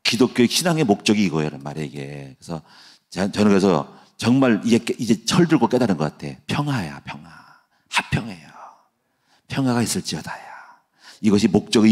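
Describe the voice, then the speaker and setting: A middle-aged male pastor giving a chatty, folksy sermon that builds into a fervent prayer. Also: lowish voice. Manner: folksy, chatty preaching with laughs and asides.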